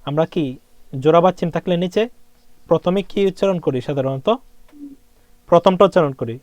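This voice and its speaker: A man teaching a casual language lesson, patiently repeating words slowly and checking that his student follows. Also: on the high side, a little mellow, no echo. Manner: asks checking questions.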